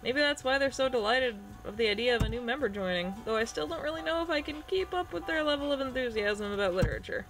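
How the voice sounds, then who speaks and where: An awkward, self-conscious high school boy narrating his day, as a woman reads him in her own voice. The delivery is plain and conversational. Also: animated, quick pace, hardly any pauses, fairly bright tone, faint music behind, poor audio. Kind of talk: reading a visual novel aloud.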